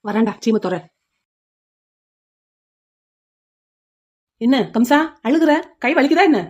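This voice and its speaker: A blunt, scornful cartoon policeman, played by a woman fires off mocking threats at speed. The voice sits a touch high for a tough guy. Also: animated, brisk, a little mellow, dull audio. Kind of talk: cartoon voice acting.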